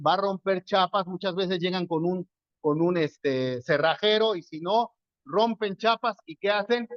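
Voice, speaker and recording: Mexican male pastor, higher voice, dull lo-fi recording; conversational sermon delivery, rhetorical questions. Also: unhurried, dry recording. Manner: conversational storytelling, asks and answers his own questions.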